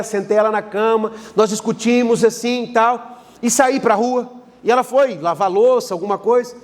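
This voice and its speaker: A man's voice: high voice, darkish tone, big-room sound. A man with a Brazilian Portuguese accent, preaching a sermon in a church and telling stories dramatically as he acts out the dialogue. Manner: dramatic storytelling, acting out dialogue. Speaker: pastor. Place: church service hall.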